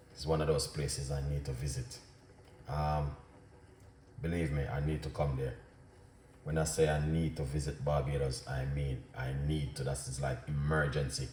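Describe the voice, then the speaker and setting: A cooking show host speaks in a slightly mellow bass voice with little pitch movement, normal speed, and long pauses during his casual live stream. He stays upbeat and chatty, greeting viewers by name and hometown, recorded by a distant mic in an echoey, noisy room.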